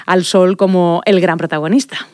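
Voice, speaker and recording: A woman's voice: lowish voice, steady tone, normal speed, dry recording. A woman, reading the regional news as anchor in a studio. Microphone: studio microphone.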